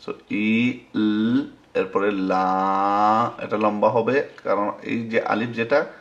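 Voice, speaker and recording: A man with a lowish voice teaches recitation in a slow, patient way, drawing out each syllable and saying it again. The sound is dull and lo-fi, like a desktop mic on a screen recording. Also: flat delivery. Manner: spells syllables slowly and repeats them.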